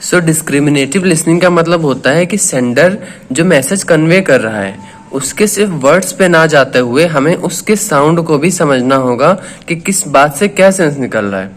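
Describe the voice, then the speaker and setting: A man hosting his own channel, explaining a lesson step by step and reading definitions slowly before restating them. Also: a little high, expressive, slight background noise. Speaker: teacher and channel host.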